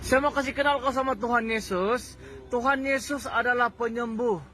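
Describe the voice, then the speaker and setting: A woman's voice: a little high, fairly even intonation, normal speed, a bit bright, soft background music. A woman preacher evangelizing and leading a prayer in a coaxing, instructive way.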